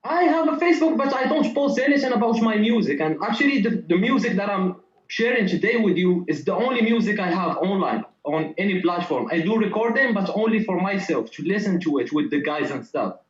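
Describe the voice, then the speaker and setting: A man, a contestant artist talking earnestly and loudly on a video call in loose phrasing. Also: high voice, lively intonation, fairly quick, few pauses. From Morocco. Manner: loud, earnest, speaking in loose non-native phrasing. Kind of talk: online showcase interview. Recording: echoey, muffled video call audio.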